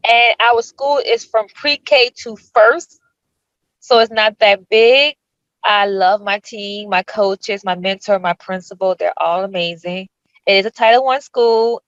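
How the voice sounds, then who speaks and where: A woman's voice: mid-range voice, no echo. A young woman, a first-year teacher, introducing herself chattily in a video clip. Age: young adult. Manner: chatty, warm about colleagues. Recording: dull, dry clip audio.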